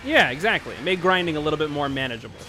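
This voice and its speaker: A man with a fairly high, bouncy voice rambles and laughs through a casual chat as he plays a game. his pitch swings all over the place, and soft game music drifts underneath. the talk is loose and animated, like an easy catch-up with a friend. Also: very fast. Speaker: gaming channel host. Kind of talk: casual gaming chat while playing. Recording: faint game music behind.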